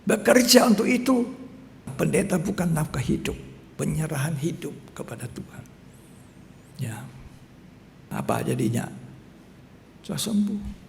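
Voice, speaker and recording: Male pastor, somewhat high gravelly voice, storytelling sermon with whispered asides, faint rumble behind. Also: animated, unhurried, long pauses. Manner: storytelling preacher, swings between loud exhortation and hushed near-whisper. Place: church hall. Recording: long church reverb, faint rumble.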